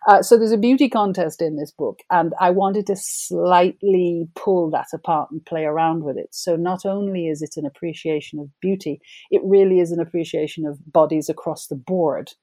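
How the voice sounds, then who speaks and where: In a dry recording, a middle-aged woman novelist from Jamaica reflects thoughtfully on her writing during a conversational interview, laughing as she speaks. Her fairly low, mellow voice moves at normal speed with few pauses.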